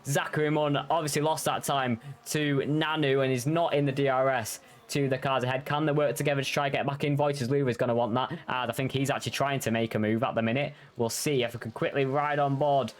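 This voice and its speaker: A man commentating live on an online motor race in an excitable, effusive way. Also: mid-range voice, fast, hardly any pauses.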